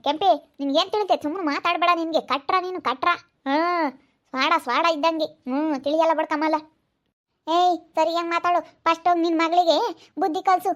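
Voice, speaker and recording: A loud, quarrelsome village wife, played by a woman, hurls scolding retorts. Her voice sits very high and the words tumble out fast. She is a comedy-drama character who never backs down. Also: fairly even intonation. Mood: quarrelling. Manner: scolding, quick and combative.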